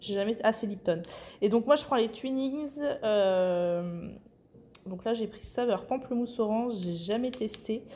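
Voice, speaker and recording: A woman's voice: on the high side, mellow. Chatty woman in an echoey room. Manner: chatty, many filler pauses. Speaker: book vlogger. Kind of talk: casual vlog chat. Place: home.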